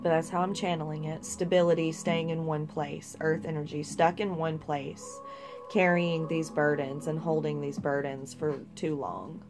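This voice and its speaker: A woman's voice: sits low, steady tone, moderate pace, music in the background. A young woman giving a casual, rambling tarot reading with some swearing. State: hiccups. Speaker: tarot reader.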